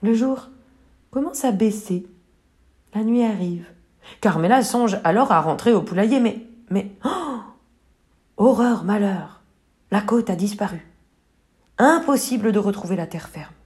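A woman tells a children's story aloud in an expressive storytelling voice. She builds suspense with dramatic pauses and lively emphasis. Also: medium pitch. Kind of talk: reading a children's picture book aloud.

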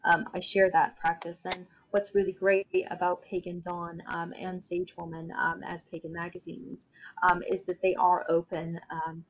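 A woman speaking as an interview guest, explaining her own practice casually in halting, thoughtful phrases. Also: on the low side, highs cut off.

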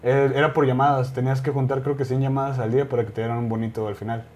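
A young man with a Mexican Spanish accent, chatting casually and telling animated stories, full of slang and "güey". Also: medium pitch, racing. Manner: slangy, says "güey" constantly, animated storytelling. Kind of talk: casual chat.

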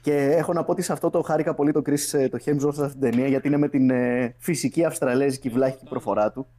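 A man's voice: mid-range voice, steady tone, warm tone. A young man hosting a casual podcast chat, bantering loosely with friends and laughing often. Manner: laid-back banter, frequent laughing and swearing. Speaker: podcast host.

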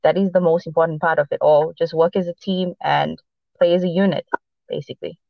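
This co-host of a casual sports podcast grew up in Boston, Los Angeles, and South Africa and speaks Portuguese natively, giving her a blended Portuguese, South African, and American accent. Her lowish voice carries vocal fry and fairly even intonation as she halts, restarts, and fills gaps with fillers. The recording is dry and dull, lo-fi, with no room sound.

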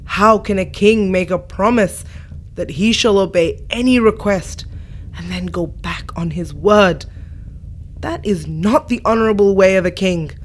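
Woman doing a booming, angry old sage. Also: lively intonation, unhurried, a little mellow. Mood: furious. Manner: booming, scolding. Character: mighty old male sage, stern and commanding.

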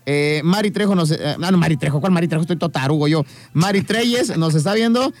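A man's voice: fairly high pitch, a little fast, dry recording. A man with a Mexican accent co-hosting a casual livestream, reading viewer comments aloud and joking in slang. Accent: Mexican Spanish.

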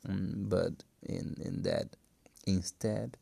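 A man who is a non-native English speaker, talking casually and haltingly in a solo podcast, with a cracking voice. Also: sits low, fairly even intonation, gravelly, mellow, breathy edge, dry recording. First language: not English. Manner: halting, hesitant, thinking aloud. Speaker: podcast host. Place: empty room. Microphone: phone.

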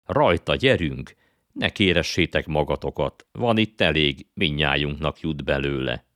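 A man's voice: extremely low pitch, animated, fairly bright tone, dry recording. A man reading aloud and voicing a friendly talking winged horse who chats cheerfully, often with his mouth full.

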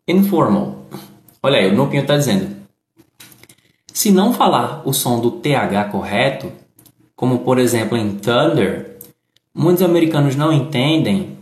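A man's voice: medium pitch, big pitch swings, moderate pace, pauses often. A man with a Brazilian accent teaching English phrases and pronunciation in a live online lesson, explaining patiently step by step. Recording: echoey room.

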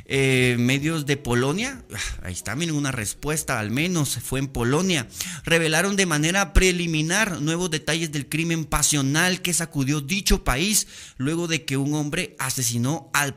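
A young Guatemalan man hosting a podcast, telling stories in casual, slangy, playful chat. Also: on the high side. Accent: Guatemalan Spanish. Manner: animated, slangy, playful storytelling. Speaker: podcast host.

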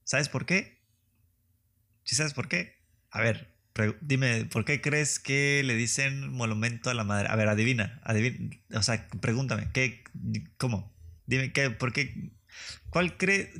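A young Mexican man telling stories on his podcast in a loose, profane comic monologue. His voice sits in an ordinary middle pitch, and he keeps jumping into put-on voices for the people he quotes. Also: takes it slowly. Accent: Mexican Spanish. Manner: slangy, profane, animated storytelling with put-on voices. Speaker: podcast host. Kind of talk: casual comedic monologue.

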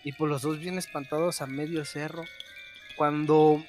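A man with a Mexican accent telling a spooky story in casual, slangy chat, acting out shouts as he goes. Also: a little high, measured pace, over music. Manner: animated, slangy, mimics shouts while telling a tale.

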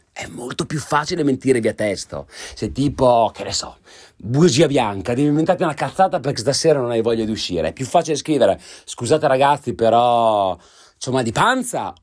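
A hoarse man from Italy telling a story in an animated, emphatic monologue. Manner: animated, swooping pitch, emphatic.

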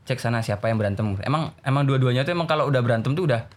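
Young male teacher, rapid casual storyteller who jumps into character voices. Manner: animated, acts out voices of students in a raised pitch. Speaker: religious school teacher.

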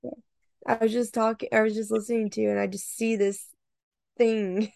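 A woman's voice: on the high side, level tone, normal speed, gravelly, darkish tone, no room sound, studio quality. A woman chatting casually on a video call about a book, laughing often. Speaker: podcast co-host. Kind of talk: casual book club chat.

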